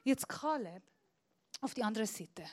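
Eine Predigerin, die nicht als Muttersprachlerin spricht und zwischen lautem Rufen und leisem Flüstern wechselt. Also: female voice, fairly high pitch, lively intonation, a little slow. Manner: swings between loud shouting and hushed whispers. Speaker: preacher. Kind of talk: sermon.

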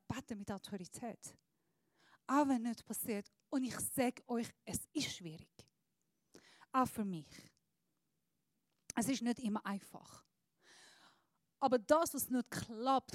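Ernste Predigerin mit Schweizer Akzent. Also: female voice, no echo, clean studio sound. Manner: earnest, searching, often drops to a soft low voice. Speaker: preacher. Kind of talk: sermon.

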